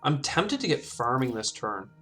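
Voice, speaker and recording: A man's voice: medium pitch, very animated, moderate pace, a bit bright, faint music behind. A man commenting casually on his own game as he plays, thinking aloud and talking himself through each choice. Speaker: gameplay commentator. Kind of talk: casual let's-play commentary.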